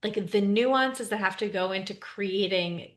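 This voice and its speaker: A woman's voice: medium pitch, unhurried. A woman co-hosting a podcast, chatting casually in an agreeable, musing way. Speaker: podcast co-host. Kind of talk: casual discussion.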